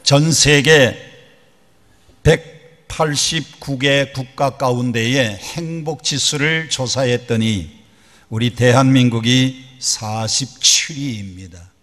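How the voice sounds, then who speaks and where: A man's voice: mid-range voice, slow, a bit bright. A male pastor preaching a sermon in a large church. He leads the congregation in call-and-response with folksy, joking asides. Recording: long reverb of a large church hall.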